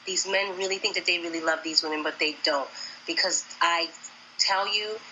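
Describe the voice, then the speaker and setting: A woman's voice: lowish voice, fairly even intonation, normal speed, sharp tone, a little hiss or hum, rough recording. A woman co-hosting a casual talk, agreeable and earnest, with emphatic opinions. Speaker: co-host. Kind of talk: casual chat.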